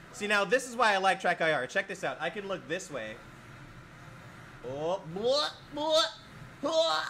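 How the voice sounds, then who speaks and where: Male streamer, high bright voice, excitable play-by-play commentary, loose and profane. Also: a little hiss or hum. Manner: excitable, swears a lot, laughs at himself. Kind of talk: live-streamed gameplay commentary.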